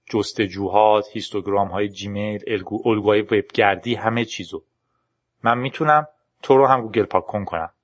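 A man reading a storybook's lines for a tense young woman programmer who urges a friend to flee, in an urgent, hurried manner. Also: lowish voice, close to an everyday voice. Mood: earnest.

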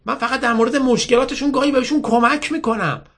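Man putting on a high confident young woman. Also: a bit bright, breathy edge, heavily acted. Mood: persuasive.

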